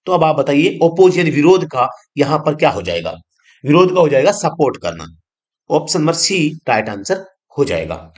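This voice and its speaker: Lively-voiced male teacher. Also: fairly high pitch. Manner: explains slowly, repeats each word and meaning, asks the class questions. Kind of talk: online exam-prep grammar lesson.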